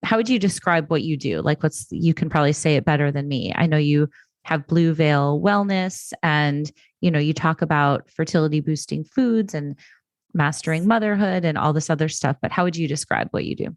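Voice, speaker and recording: Low-pitched woman hosting a podcast, dry sound. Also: moderate pace, no echo. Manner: friendly, affirming interviewer. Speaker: podcast host. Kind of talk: casual interview conversation.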